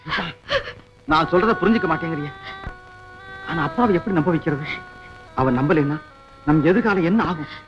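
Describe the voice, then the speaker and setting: An actor playing an earnest, gentle young man in a 1960s family film drama, pleading with emotional delivery. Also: on the high side, animated, normal speed, long pauses, natural voice. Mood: tender. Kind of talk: 1960s Tamil film acting. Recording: dull 1960s film soundtrack with music.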